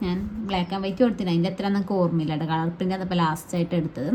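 Woman talking fast thru a painting tutorial, reassuring, lil hiss in the background. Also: on the low side, steady tone, warm tone. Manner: chatty, reassuring, adds tag words to sentences. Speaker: fabric painting teacher. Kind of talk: casual how-to tutorial.

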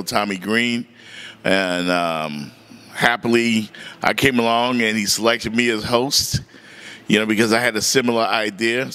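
A middle-aged man, a sports reporter, talking in a casual interview with an easygoing, chuckling manner and drawn-out fillers, into a handheld mic. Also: fairly low pitch, fairly bright tone, smooth. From Miami, family from the Bahamas. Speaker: sports reporter and podcast host. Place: bright indoor room by large windows.

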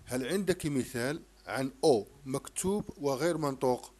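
A middle-aged man with an Algerian accent tutoring a child in French sounds, repeating each syllable slowly and firmly. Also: medium pitch, lively intonation, a little mellow. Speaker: teacher. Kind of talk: home French phonics lesson explained in Arabic.

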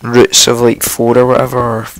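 A man with a croaky morning voice, casually commentating his own game, rambling and chatty with frequent ums and self-corrections. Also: medium pitch, monotone, moderate pace, fairly bright tone, dry recording, poor audio. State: just woken up, morning voice. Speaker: let's play host.

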